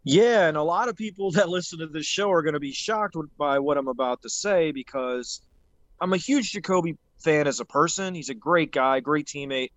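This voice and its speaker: A man's voice: fairly high pitch, normal speed, no room sound. A man co-hosting a sports podcast, giving blunt, emphatic opinions and pushing his voice up to stress his points. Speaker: podcast co-host. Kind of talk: casual sports podcast talk.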